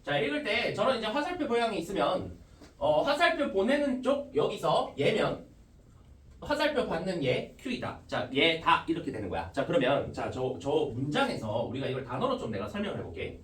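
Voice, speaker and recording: A man's voice: high-pitched, very animated, moderate pace, a bit bright. A male math teacher giving a classroom lecture, explaining step by step and opening nearly every phrase with a short "ja". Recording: echoey classroom, mic from a distance.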